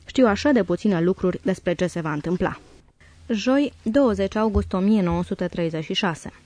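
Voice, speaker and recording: A woman reads a diary aloud in the first person. Her pace is calm and measured, and her voice sits at an ordinary middle pitch. The recording is dry and close to the mic, with no room sound. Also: dry recording. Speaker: audiobook reader. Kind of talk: diary reading.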